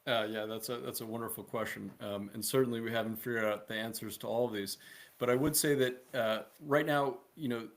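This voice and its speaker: A man's voice: medium pitch, steady tone, a little fast. Persuasive man in discussion. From United States. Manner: earnest, persuasive, often ends points with "right?". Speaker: guest promoting a political DAO. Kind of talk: casual discussion.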